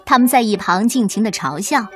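A woman hosting and reading a children's bedtime story aloud, gentle and expressive. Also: a little high, fairly quick, soft background music.

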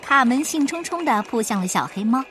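A woman narrating a children's storybook with expressive, lively delivery. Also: high-pitched, brisk.

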